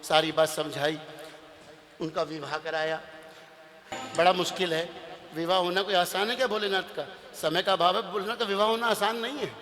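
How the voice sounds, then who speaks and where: A male preacher giving a devotional katha sermon, telling the story in an animated way with emphatic bursts and sung lines. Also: sits high, normal speed, long reverb tail.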